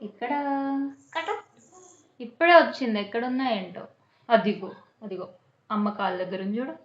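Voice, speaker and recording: A woman's voice: mid-range voice, normal speed. A mother, coaxing and teasing her toddler in sing-song questions. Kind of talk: playful chat with a small child. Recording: muffled echoey home room.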